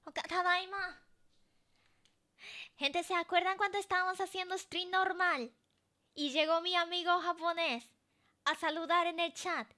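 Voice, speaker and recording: Female streamer, very high-pitched, slow and chatty, excitable. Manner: excitable and chatty, laughs often. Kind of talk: casual live-stream chat while gaming.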